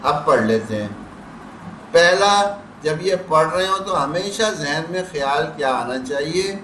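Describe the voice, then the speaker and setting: A man's voice: fairly high pitch, lively intonation, a bit bright, slight background noise. Man teaching tajweed in an echoey room. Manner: drawn-out syllable drills between quick explanations. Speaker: Quran recitation teacher. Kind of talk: tajweed class lesson. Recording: echoey room, distant mic.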